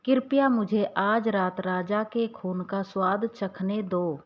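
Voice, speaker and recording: A woman voicing a wheedling, hungry male bedbug who pleads softly, in a slightly muffled recording. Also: mid-range voice, takes it slowly. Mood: pleading.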